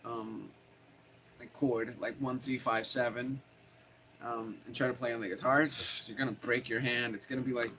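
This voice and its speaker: A man's voice: mid-range voice, a bit bright, dull audio, slight background noise. Chatty man teaching guitar live. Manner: rambling, self-correcting, chatty. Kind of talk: casual live-stream guitar lesson. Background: guitar playing.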